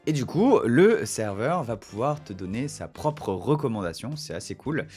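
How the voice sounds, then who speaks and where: Lively man teaching Korean phrases. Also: mid-range voice, moderate pace, slightly rough. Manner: explains in French, models short Korean phrases; acts out little restaurant scenes, playing both customer and waiter. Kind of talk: casual video lesson. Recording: faint background music.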